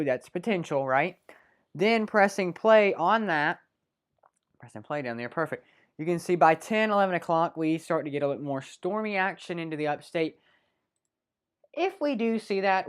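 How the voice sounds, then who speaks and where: A woman's voice: deep voice, animated, normal speed. A woman presenting a live weather segment in a small local TV studio, talking off the cuff with many fillers and self-corrections.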